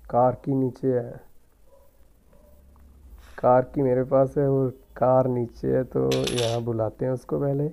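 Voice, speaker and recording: A man's voice: medium pitch, level tone, takes it slowly, vocal fry, pauses often, dark tone, slight background noise. A man with a sore throat, muttering casual gameplay commentary as he plays and taunts the game character. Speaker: gaming YouTuber.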